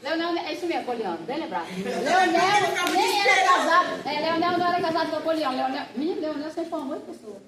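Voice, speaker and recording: A woman pastor gives a chatty church lesson in a high, bright voice. She tells personal anecdotes and speaks straight to her students. The sound is echoey, with a class audience audible in the room. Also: fast, a loud crowd. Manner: chatty, animated storyteller who acts out quotes and addresses the class directly. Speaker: pastor teaching a Bible class.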